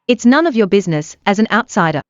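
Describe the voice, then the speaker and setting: A woman's voice: medium pitch, big pitch swings, quick pace, no room sound, lo-fi sound, close to an everyday voice. A woman voicing a proud, wronged young woman. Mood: cold. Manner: firm, cutting. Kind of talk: English drama dub.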